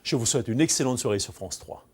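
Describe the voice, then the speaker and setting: A man's voice: mid-range voice, expressive, fast talker. A man presenting a regional television news report in scripted narration.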